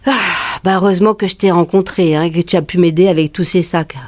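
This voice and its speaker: An actress playing an excitable, bold working-class woman in a stage play, telling a story breathlessly and acting out the other people in it. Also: lowish voice, brisk, no echo, natural voice. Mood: excited. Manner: animated, breathless gossiping, acts out every voice. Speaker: storyteller recounting to a friend.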